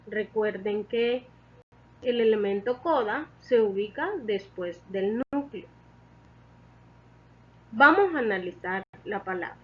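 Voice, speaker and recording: A woman's voice: medium pitch, husky, muffled recording. A woman teaching a lesson, explaining step by step and patiently repeating key points.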